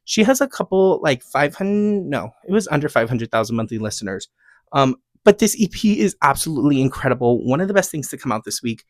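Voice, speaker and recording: This podcast host, an American man, gushes and rambles emphatically through casual solo talk full of music picks and rants. He speaks fairly quickly in a fairly high, very animated voice, and the recording is dry.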